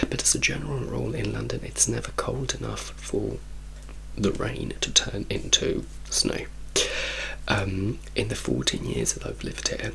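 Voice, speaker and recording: A man from Italy gives a soft-spoken ASMR ramble in a hushed, mostly whispered voice, unhurried and repeating words for emphasis. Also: fairly low pitch, vocal fry, rough recording. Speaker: ASMR creator telling personal stories.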